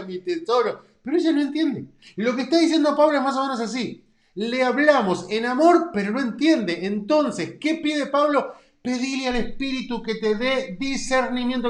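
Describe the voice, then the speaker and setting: A man with a Rioplatense Spanish accent in his thirties, teaching a Bible study class in an animated, emphatic way and often checking in with his listeners. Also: high voice, reverberant.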